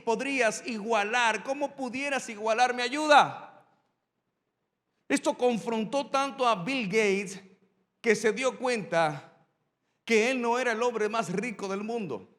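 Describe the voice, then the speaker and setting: A man preaching a sermon as a pastor, telling a story and then driving the lesson home with repetition and dramatic pauses. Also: sits high, fairly bright tone, big-room sound.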